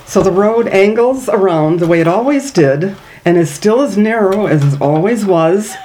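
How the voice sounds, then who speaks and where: A woman's voice: mid-range voice, animated, moderate pace, dark tone, rough recording. An older woman from northern Minnesota with a Minnesota accent, telling stories in an oral history interview, chatty and laughing between them.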